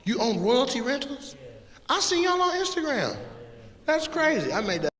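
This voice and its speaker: A man's voice: very high voice, sing-song, background noise. A man doing live stand-up crowd work, brash and teasing, recorded in a large venue. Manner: brash, teasing, quick-witted. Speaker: stand-up comedian. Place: large comedy venue, on stage. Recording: live venue with long reverb and loud background.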